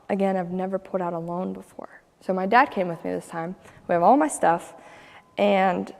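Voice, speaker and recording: A woman's voice: mid-range voice, vocal fry, a little mellow, long reverb tail. A young woman from Ohio casually telling a personal story as a guest, chatty and laughing often as she acts out what others said. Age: young adult.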